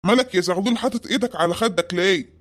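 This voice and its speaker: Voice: medium pitch, racing, close to an everyday voice. A performer voicing a crafty Egyptian male friend who hands out schemes in a conspiratorial tone. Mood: scheming.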